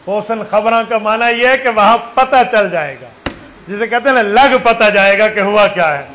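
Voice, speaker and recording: A man's voice: sits high, moderate pace, fairly bright tone, a little hiss or hum, low-quality recording. A man preaching a sermon, asking his listeners rhetorical questions and counting aloud with them. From Saraiki-speaking region of Pakistan.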